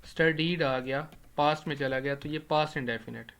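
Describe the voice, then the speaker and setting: A man gives an English grammar lesson over a screen recording. His voice sits fairly high, and he asks the class questions and answers them himself. He slows right down to spell out each English example, and keyboard typing can be heard behind him. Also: steady tone, fairly bright tone. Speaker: English teacher.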